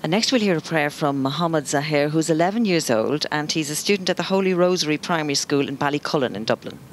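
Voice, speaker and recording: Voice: mid-range voice, expressive, fast. A broadcast commentator giving formal, informative introductions during live coverage of a ceremony. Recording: faint ceremony background noise.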